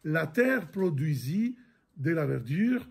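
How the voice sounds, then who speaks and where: Man, priest, middle-aged, catechism lesson, halting with repeated words, very slow, gravelly voice. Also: fairly high pitch, big pitch swings. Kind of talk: catechism lesson reading and explaining scripture.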